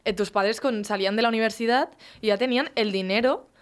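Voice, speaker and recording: Young woman co-host, higher voice, self-mocking storyteller. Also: quick pace, clean tone. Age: 20s. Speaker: podcast co-host. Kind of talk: casual comedic chat. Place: radio studio.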